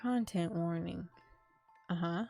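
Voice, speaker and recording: Game music plays behind a woman streamer who comments casually and reads a visual novel's narration aloud in an informal, expressive way. Her voice is lowish, creaky, and slow-paced.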